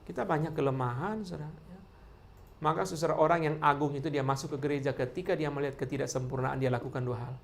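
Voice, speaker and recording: A man's voice: fairly high pitch, steady tone, quick pace, vocal fry. A male pastor preaching a sermon, asking rhetorical questions and repeating key words while constantly addressing the congregation as brothers and sisters.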